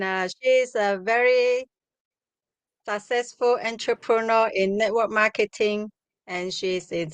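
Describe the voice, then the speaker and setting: A woman, hosting a live stream from home over a video call, speaking haltingly with many restarts. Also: medium pitch, clean tone, no echo. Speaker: host. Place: home room with bookshelves. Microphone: webcam on video call.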